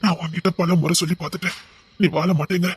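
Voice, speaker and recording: A man playing a gentle departed husband who is saying goodbye, speaking softly and mournfully in a husky voice. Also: high voice, level tone, fast, no echo. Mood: sorrowful.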